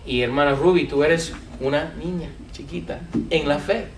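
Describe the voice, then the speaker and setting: A man preaching a sermon to a congregation, animated, repeating words and asking them questions. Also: a little high, normal speed, roomy sound, slight background noise. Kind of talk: sermon teaching. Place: church with a congregation.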